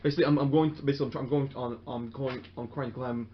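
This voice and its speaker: A man's voice: mid-range voice, fairly even intonation, rapid-fire. A man at a tabletop game, stammering and restarting as he explains his moves. The sound is muffled and dull, with a faint hiss underneath. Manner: stammering, laughs often. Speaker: player. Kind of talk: casual tabletop game chat.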